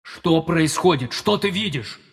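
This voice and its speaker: A man voicing an ancient, supreme male spirit, growling and forceful. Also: on the high side, animated, unhurried, vocal fry, husky, big-room sound, pitched above the performer's own voice, full character voice. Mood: urgent.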